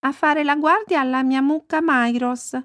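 A woman voicing a small eager girl in a storybook reading, high and excited. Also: moderate pace, no echo, clean studio sound.

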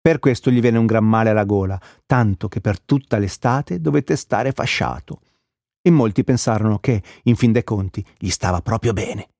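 A man narrating a children's story with gentle storytelling. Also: lowish voice, normal speed, creaky, no room sound, clean studio sound. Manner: gentle storytelling, shifting into character voices.

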